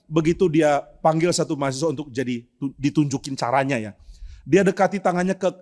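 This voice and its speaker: A male pastor preaching a sermon in a church, telling stories with humorous asides and acting out the voices he quotes. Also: fairly quick. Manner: lively storytelling with humorous asides; acts out quoted voices with sudden pitch jumps. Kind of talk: expository sermon. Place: church sanctuary.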